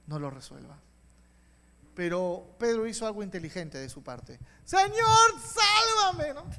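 A male pastor preaching a sermon with passion, dropping to quiet asides and rising to loud calls. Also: sits high. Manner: impassioned preaching, swings from soft to loud. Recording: long hall reverb.

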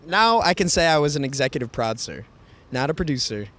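A man's voice: a little high, animated, quick pace, a bit bright. A young man co-hosting a podcast, telling loose stories full of "like" and "yo" and laughing often. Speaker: podcast co-host. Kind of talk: casual chat.

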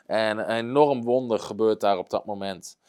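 A man's voice: on the low side, normal speed, darkish tone, smooth. A man preaching, retelling a story earnestly, with frequent hesitations. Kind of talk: storytelling sermon.

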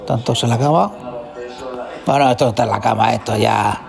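Guy from riffing on a reality show, gravelly voice, teasing, bit of music low in the back. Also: moderate pace. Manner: jokey, teasing, often repeats himself. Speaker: co-host commenting on a reality show. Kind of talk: casual comedic commentary.

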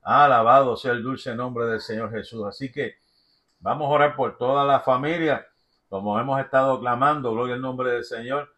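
A man's voice: medium pitch, fairly even intonation, moderate pace, a bit bright. A man leading a fervent intercessory prayer as pastor, reading out requests and repeating praise between phrases.

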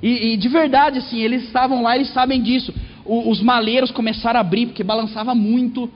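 A man with a Brazilian accent, preaching from the pulpit and telling a comic testimony in an animated way. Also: extremely high pitch, fairly quick, a little hiss or hum. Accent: Brazilian Portuguese. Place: church. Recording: echoey hall, muffled sound.

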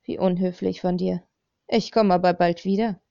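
A woman's voice: lowish voice, steady tone, normal speed, gravelly, mellow, no echo. A woman voicing a man who stalks and threatens a young woman, mocking and coaxing in turn, on a slightly dull recording.

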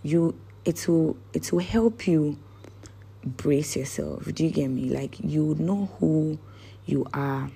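A woman's voice: low voice, slow, gravelly, dark tone, husky. A woman giving a rambling motivational talk, often searching for words. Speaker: vlogger.

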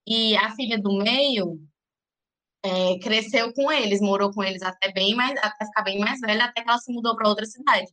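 A woman's voice: medium pitch, normal speed, sharp tone. A young woman telling family stories in a casual group chat.

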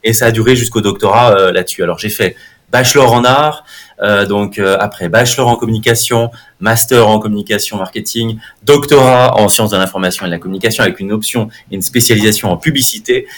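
This middle-aged Frenchman, dean of a marketing institute, speaks at a fairly low pitch and a quick pace. He's a guest answering interview questions conversationally, with plenty of fillers and restarts.

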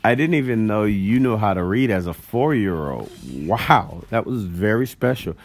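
A man's voice: lowish voice, animated, normal speed. A man co-hosting a casual family podcast, talking in a playful, mock-serious way. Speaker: podcast co-host.

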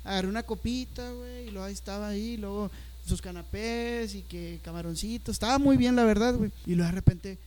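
A young man with a Mexican accent telling a story in slangy, animated casual chat, acting out the voices of the people he quotes. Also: high voice, brisk. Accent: Mexican Spanish.

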